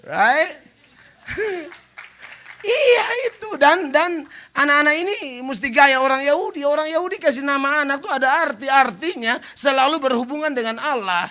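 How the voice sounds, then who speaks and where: Pastor, male, high bright voice, animated joking sermon with shouted punchlines. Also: moderate pace. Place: church stage.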